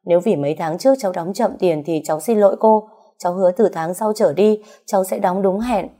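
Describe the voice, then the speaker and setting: A woman's voice: mid-range voice, fairly quick, dark tone, natural voice. Woman voicing Mỹ Duyên, an anxious young daughter. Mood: pleading. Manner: pleading, emotional.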